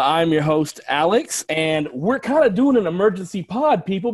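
A man's voice: on the high side, a little mellow. A man hosting a podcast with informal, bantering chat. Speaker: podcast host. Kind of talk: casual chat.

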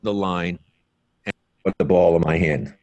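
A man's voice: deep voice, fairly even intonation, measured pace, a little mellow. A man, a former pro basketball player, talking earnestly in a casual interview over a computer mic, his audio jumping in and out so the volume is uneven. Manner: earnest, repeats words when starting sentences.

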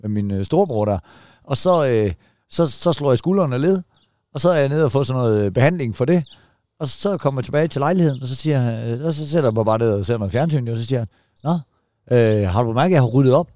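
A man's voice: mid-range voice, lively intonation, warm tone, no echo. A man in his forties chatting casually as a podcast co-host, rambling and stammering, often repeating words and swearing offhandedly. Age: 40s. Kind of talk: casual chat.

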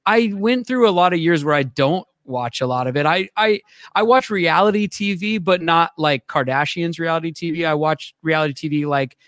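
A man with a somewhat high voice, recorded close and dry with no room sound. He is an actor guest on a radio show, talking in a loose, rambling way and laughing easily. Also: normal speed, a bit bright, no echo. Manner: easygoing, rambling, laughs often. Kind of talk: casual radio interview chat.

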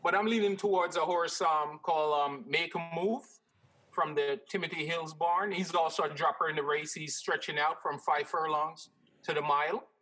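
Guest handicapper from Jamaica, bright tense voice, a bit high, ums a lot. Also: male voice, normal speed, low-quality recording. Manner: relaxed, hesitant with many ums. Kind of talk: casual conversation.

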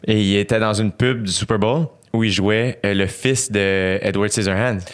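A man's voice: lowish voice, steady tone, normal speed, smooth. A man with a Québécois French accent in casual podcast chat, laid-back and curious, with short reactions and casual swearing.

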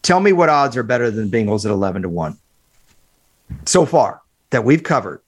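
A man's voice: mid-range voice, moderate pace. Opinionated man on a remote sports podcast. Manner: animated, opinionated, talks in bursts with fillers. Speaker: podcast co-host, football analyst. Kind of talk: casual sports podcast chat.

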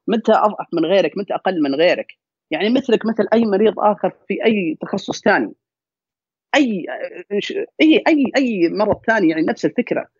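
A man with a Saudi accent telling a personal story and giving advice as a podcast guest, talking fast and repeating words for emphasis. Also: high-pitched, darkish tone, slightly rough, dry recording. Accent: Saudi Gulf Arabic. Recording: dry, dull lo-fi sound.

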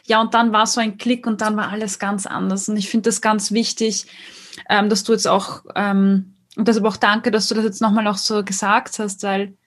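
A woman's voice: medium pitch, little pitch movement, normal speed. A woman hosting an interview podcast, asking questions hesitantly with many fillers and affirming her guest. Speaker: podcast host. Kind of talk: casual interview conversation.

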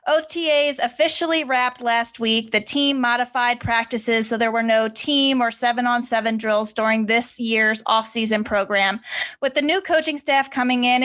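A woman's voice: fairly high pitch, a bit bright. A woman hosting a sports podcast, upbeat and chatty, with some fillers. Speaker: podcast host.

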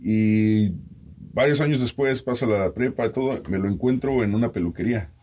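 Brief: Mexican-accented male host in his forties, husky, chatty storyteller who keeps restarting his sentences. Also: on the low side, moderate pace, mellow. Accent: Mexican Spanish. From raised in Mexico, born in the US. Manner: rambling storyteller with many fillers and restarts. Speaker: radio host interviewing a colleague. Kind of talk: casual conversational interview.

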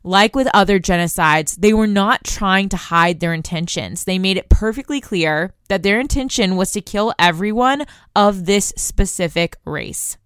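A woman's voice: medium pitch, normal speed, hardly any pauses, a bit bright, clean tone, no echo, clean studio sound. A young woman from the United States hosting a news podcast, explaining a story in a conversational way and talking straight to her listeners. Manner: conversational, addresses listeners directly.

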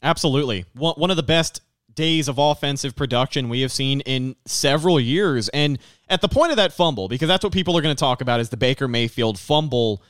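A man's voice: mid-range voice, expressive, fairly quick, a bit bright, dry recording, studio quality. A man hosting a sports podcast, presenting a live post-game recap in a polished, broadcast-like way.

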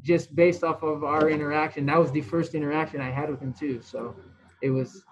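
Man guest, fairly high voice, animated storyteller, muffled lo-fi sound. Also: fairly quick. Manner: animated, rambling storyteller who restarts and swears. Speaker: guest, former baseball pitcher. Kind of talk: casual storytelling interview.

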